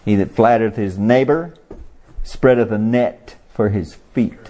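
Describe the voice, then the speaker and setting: A man's voice: fairly low pitch, unhurried, mellow. A man preaching a sermon in a folksy way, asking the congregation questions and chuckling.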